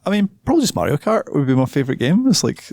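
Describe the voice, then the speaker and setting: A man's voice: on the high side, big pitch swings, rapid-fire, gravelly, a little mellow, no room sound, clean studio sound. A man, co-hosting a podcast, talking casually and hesitantly about a film he is reviewing. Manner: hesitant, self-deprecating, loses his thread. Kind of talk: casual chat.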